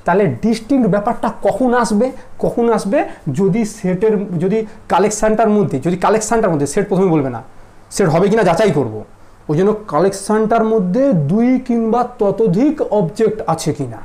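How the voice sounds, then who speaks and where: A man's voice: high-pitched, expressive, normal speed, mellow. A man teaching math in a casual classroom lecture, teasing his students and constantly asking if they follow. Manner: teasing, asks students constant check questions. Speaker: mathematics teacher.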